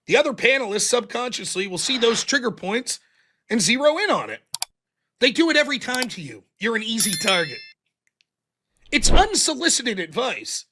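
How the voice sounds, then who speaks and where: A man streams a heated ranting monologue about a panel debate, laced with profanity and delivered indignantly and defensively. His voice is high, pushed and bright.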